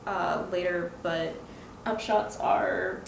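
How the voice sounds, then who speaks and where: A woman's voice: fairly low pitch, fairly even intonation, slow, creaky. A woman co-hosting a review, chatting casually in short interjections. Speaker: comic book reviewer, co-host. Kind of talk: casual chat, brief interjections. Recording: echoey room, faint background noise.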